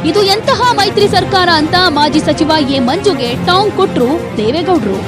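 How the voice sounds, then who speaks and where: A woman reporter with a Kannada accent delivers a punchy, dramatic news voice-over in a very high voice. Clear background music plays under her reading. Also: animated, moderate pace.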